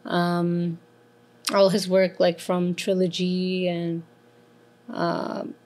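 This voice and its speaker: A woman's voice: fairly low pitch, monotone, extremely slow, darkish tone. A young woman, a performer, answering as a guest in a casual interview, with many hesitant fillers.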